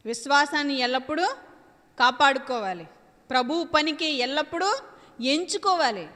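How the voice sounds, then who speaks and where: A woman's voice: high-pitched, normal speed, fairly bright tone, in a large hall. A woman preacher delivering an emphatic sermon, repeating her phrases and asking and answering her own questions.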